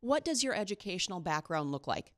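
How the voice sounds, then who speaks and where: A woman's voice: lowish voice, sing-song, a little fast, no echo, clean studio sound. A woman hosting an interview podcast, upbeat and enthusiastic. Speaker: podcast host. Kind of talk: casual interview chat.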